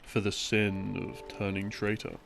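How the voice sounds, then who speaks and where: An audio roleplay performer plays an easygoing boyfriend telling rambling bedtime game lore as sleep-aid audio, unhurried and conversational. His fairly low voice is monotone with vocal fry and a fairly bright tone, set against background music with a little hiss or hum.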